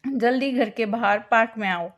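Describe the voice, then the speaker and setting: Give me a dismissive, aloof young boyfriend, read by a woman storyteller with a somewhat high voice. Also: moderate pace, close to an everyday voice. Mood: curt. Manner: short, dismissive replies.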